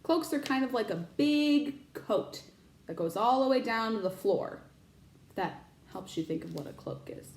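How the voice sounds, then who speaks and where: There's a noticeable room echo as a high-voiced woman, a teacher, reads a storybook aloud to children. Her delivery is expressive, swinging up and down in pitch, and she breaks off to explain words for her listeners.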